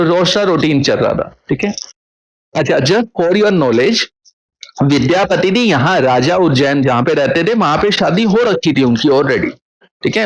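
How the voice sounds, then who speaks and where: A man's voice: on the high side, rough recording. Chatty male devotional storyteller. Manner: chatty, checks in with listeners often. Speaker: katha storyteller.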